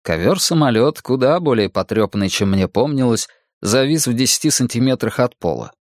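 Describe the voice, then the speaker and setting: A male audiobook narrator with a medium-pitched voice. He reads a first-person story dramatically, and the recording is close and dry. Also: animated, brisk, dry recording.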